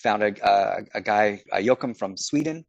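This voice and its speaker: A man's voice: fairly low pitch, normal speed, creaky, no room sound, highs cut off. A middle-aged man from Canada, a podcast guest telling stories in a chatty way and acting out his own past remarks. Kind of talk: casual storytelling.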